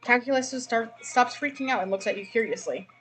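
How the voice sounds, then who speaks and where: A woman's voice: fairly high pitch, expressive, a little fast, a bit bright. A woman reading comic second-person game narration aloud, casually and with stumbles over words. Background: music.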